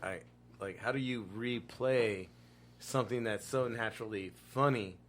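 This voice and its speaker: A man's voice: lowish voice, normal speed, a little hiss or hum. A man in casual chat who talks like a frat bro, slangy and full of swearing. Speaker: reality show contestant.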